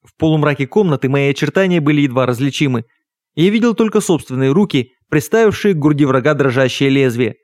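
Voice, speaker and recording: A man reads a first-person literary audiobook in a measured, even storytelling style. His voice sits a little high, captured on a close studio mic with no echo.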